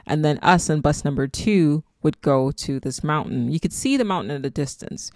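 A woman with a Nigerian accent hosts a casual solo podcast, musing reflectively and wandering from thought to thought. Her voice is deep with a darkish tone at a moderate pace, captured in a dry, clean studio recording.

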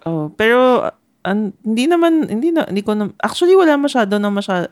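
A podcast co-host from the Philippines, chatting casually with short replies and soft interjections. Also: medium pitch, very animated, brisk, dry recording, studio quality. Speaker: co-host, spouse of host.

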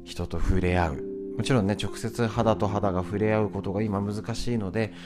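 A man hosting a solo podcast in a chatty, conversational way, often pausing with fillers and tag questions, and sometimes reading aloud from a book. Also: fairly low pitch, fairly even intonation. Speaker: podcast host. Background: guitar music.

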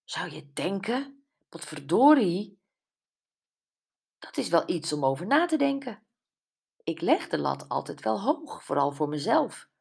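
A woman's voice: on the low side, big pitch swings, unhurried, vocal fry, long pauses, darkish tone, slightly rough, exaggerated voice. A woman reading as wry candid Brenda. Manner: wry, emotional, tearful at times. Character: Brenda, woman friend, candid, self-mocking. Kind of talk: audiobook character voice.

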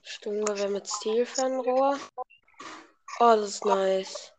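A woman playing a shooter game with a friend, chatting casually and blurting out short excited exclamations. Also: mid-range voice, slow, a little hiss or hum. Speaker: gamer. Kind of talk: casual gaming chat.

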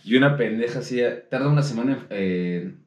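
A man's voice: mid-range voice, fairly quick, a little mellow, roomy sound, slight background noise. A young man with a Mexican accent joking crudely while telling school stories with friends. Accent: Mexican Spanish. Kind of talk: casual chat among friends.

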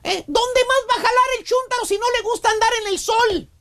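A woman with a Mexican accent and a piercing, very high voice hosts a radio comedy show. She tells a story in rowdy slang, teasing her co-hosts and shouting her asides. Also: brisk. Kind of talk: comic storytelling on morning radio.

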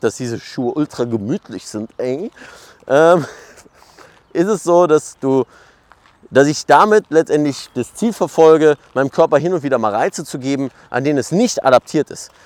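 A man's voice: a little high, animated, measured pace, no room sound. German man rambling casually as podcast host. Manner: rambling, conversational, many fillers. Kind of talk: casual monologue.

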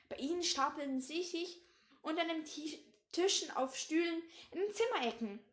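A teenage girl with a high voice reads a novel aloud at her own unhurried pace. She trips over words now and then and goes back to fix them. Between passages she rambles casually to her listeners. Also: a bit bright. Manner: stumbles and restarts on words. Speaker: reader.

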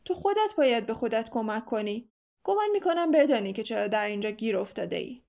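A woman voicing a stern, impatient male watchdog with a ticking clock for a body, talking in a brisk, scolding way. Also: a little high, animated, vocal fry, darkish tone.

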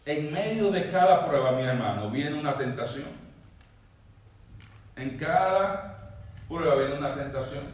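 A male pastor preaching a sermon, swinging from emphatic high peaks down to low quiet lines. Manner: preaching, rising emphatically, then dropping low. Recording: echoey hall, mic at a distance.

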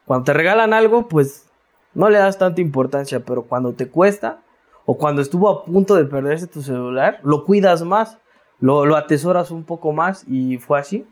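A Mexican man speaks casually as an interview guest, reflective and slangy, with many restarts and tag questions. His voice is a little high and animated, at a moderate pace.

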